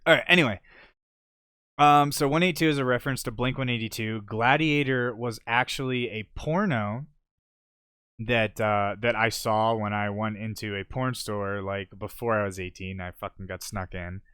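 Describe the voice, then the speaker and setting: A young man hosting an unscripted podcast, telling stories in a casual, profane, animated way. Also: fairly low pitch, moderate pace, clean tone, no echo, studio quality. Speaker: podcast host. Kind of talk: unscripted solo podcast storytelling.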